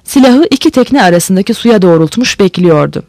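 Audiobook narrator, steady storytelling, scripted read, dry recording. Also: medium pitch, brisk, vocal fry, no room sound.

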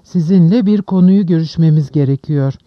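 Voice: medium pitch, no room sound, close to an everyday voice. Brief: arrogant young magistrate, voiced by an audiobook narrator, clipped and formal; dry, dull sound. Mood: stern. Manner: haughty, quick, then cold and formal. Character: small haughty young investigating magistrate, man. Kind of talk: audiobook character voice.

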